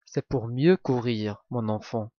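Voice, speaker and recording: A man doing a sly deep-voiced wolf, slow and looming. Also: steady tone, no echo, highs cut off. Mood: menacing. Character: sly hungry male wolf, scheming.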